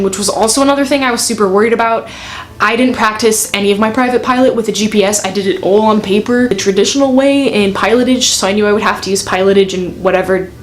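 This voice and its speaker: A woman's voice: medium pitch, slight background noise. A woman in her twenties chatting candidly and self-deprecatingly to camera, telling a story in a casual vlog style. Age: 20s. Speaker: student pilot vlogger. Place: bedroom, indoors.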